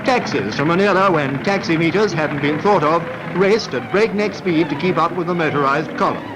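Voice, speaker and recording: In the style of a 1940s newsreel sports narrator, a man reads scripted film commentary with wry, light humor. His voice is fairly high and at a normal pace. The vintage soundtrack carries background music and noise.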